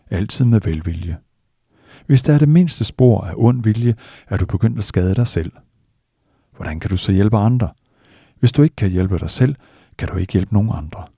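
A man giving a slow, measured, earnest spiritual discourse as a meditation teacher. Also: on the low side, dark tone, husky, no room sound, studio quality.

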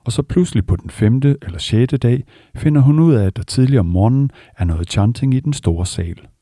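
A man gives a calm, measured meditation talk, repeating words for emphasis. His voice is very dark and husky, with a gravelly edge. The recording is dry and close. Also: medium pitch, no echo. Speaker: meditation teacher. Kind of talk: dharma talk with storytelling.

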